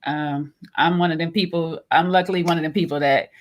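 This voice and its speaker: A woman co-hosting a casual chat, animated and laughing often, acting out both sides of an argument. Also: low voice, brisk. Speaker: co-host.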